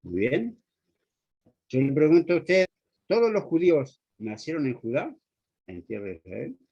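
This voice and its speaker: A man's voice: on the high side, big pitch swings, measured pace, husky. Earnest male preacher, dull lo-fi recording. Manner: addresses the listener directly with rhetorical questions. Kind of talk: sermon.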